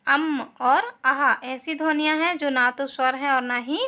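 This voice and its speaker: A woman's voice: sits high, fairly even intonation, measured pace, bright, forceful tone. A woman teaching a grammar class to students, explaining patiently and often checking understanding with tag questions, mixing English words into her speech. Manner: mixes English words into Hindi. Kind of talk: online class lesson.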